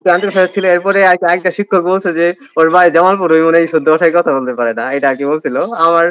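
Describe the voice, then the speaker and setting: A man's voice: a little high, fairly even intonation, rapid-fire, fairly bright tone, highs cut off. A young man telling the story of his admission test in a casual interview, with a Bangladeshi Bengali accent and many hesitant fillers. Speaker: admission candidate, guest.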